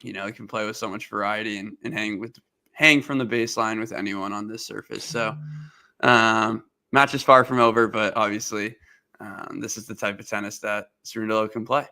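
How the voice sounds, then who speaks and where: Guy cohosting a tennis chat, real bright clear voice, mid pitch, thinks out loud in chunks. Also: steady tone, normal speed. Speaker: guest co-commentator. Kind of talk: casual sports analysis chat.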